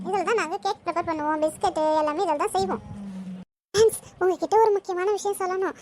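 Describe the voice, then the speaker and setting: A voice actor playing a cheeky, chatty little girl hosting a comic home-tour vlog in a cartoon. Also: extremely high pitch. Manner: chatty, boastful.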